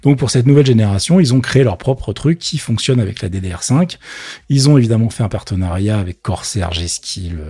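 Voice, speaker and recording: Gravelly, casual man chatting about tech. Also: fairly low pitch, mellow, no room sound. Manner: chatty, slangy, many fillers. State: thirsty, dry mouth. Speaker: tech commentator. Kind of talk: casual tech news chat.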